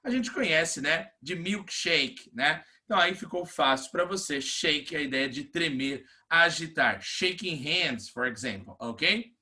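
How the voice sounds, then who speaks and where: A man with a Brazilian Portuguese accent teaching an English vocabulary class, reading English examples slowly and explaining them. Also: a little high. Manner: slow, lively teaching delivery, stretches English words and repeats "né?". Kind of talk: recorded online class.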